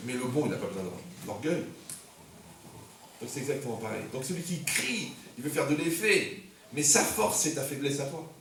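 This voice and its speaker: A man gives a humorous sermon as a rabbi, full of jokes and rhetorical questions. His voice is gravelly, and it sits back in a booming, echoey hall. A faint hiss of noise lies under it. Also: far from the mic. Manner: joking, punchy, rhetorical questions to the audience. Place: community center hall.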